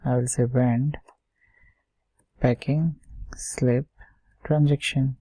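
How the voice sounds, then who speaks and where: Slow and steady, with a dark tone and a mid-range voice, a software tutorial instructor walks through code on a screen share. The dry, low-quality recording catches him muttering as he types and checking in informally with "okay" and "right."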